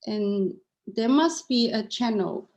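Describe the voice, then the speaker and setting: Taking it slowly, a middle-aged woman with a Cantonese accent answers interview questions in an earnest, candid way. She restarts often and repeats words, her high-leaning voice expressive and a little mellow.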